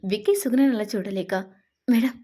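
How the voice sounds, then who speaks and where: A woman narrating a dramatic serial story in a steady storytelling manner. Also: fairly high pitch, fast talker, husky.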